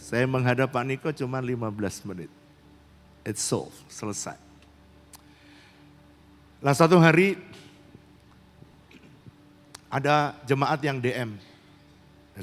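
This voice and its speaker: A male pastor preaching a sermon, telling stories and acting out dialogue, recorded in a church hall. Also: mid-range voice. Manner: storytelling, acts out dialogue, mixes in English phrases. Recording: long church-hall reverb.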